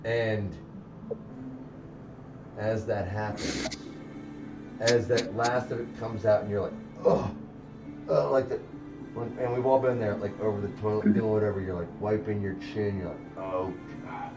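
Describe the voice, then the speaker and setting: A man's voice: fairly low pitch, fairly even intonation, moderate pace, long pauses, lo-fi sound. A man narrating a tabletop game as game master, giving vivid, rambling descriptions. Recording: roomy, distant mic with music.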